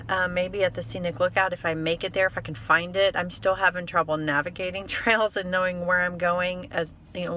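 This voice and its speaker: A woman's voice: on the low side, fairly bright tone, slight background noise. A woman chatting casually in a rambling, upbeat, self-deprecating way, like a trail running vlogger talking to her followers. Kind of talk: casual vlog chat to camera.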